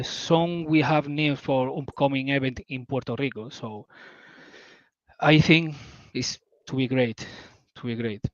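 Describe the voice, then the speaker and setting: Speaking with a Spanish accent, a man from southern Spain joins a community call as a guest and chats casually, hunting enthusiastically for English words; Spanish is his native language. His pitch is medium, captured in a dry recording missing the high frequencies.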